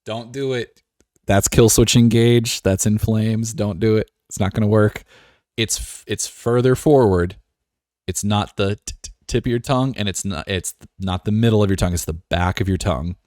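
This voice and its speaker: A man's voice: lowish voice, moderate pace, darkish tone, dry recording, studio quality. A man streaming a game live, talking casually with a joking, self-assured, rambling manner.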